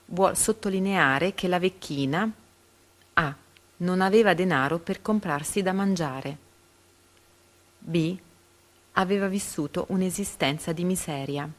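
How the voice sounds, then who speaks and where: A woman reading reading-comprehension quiz questions and answer options aloud, pausing carefully after each letter. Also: lowish voice.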